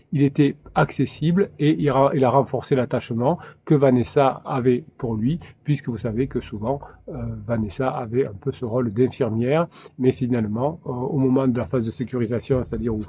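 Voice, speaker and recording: A man's voice: medium pitch, warm tone, a little hiss or hum. A man giving a solo coaching talk on relationships, speaking hesitantly with frequent fillers and restarts.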